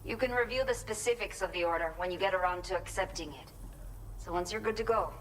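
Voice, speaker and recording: An actress voicing a pregnant former bandit woman with a Mexican accent in a video game, earnest and measured. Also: on the low side, a little hiss or hum, natural voice, rough recording. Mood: businesslike. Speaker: game character giving delivery orders.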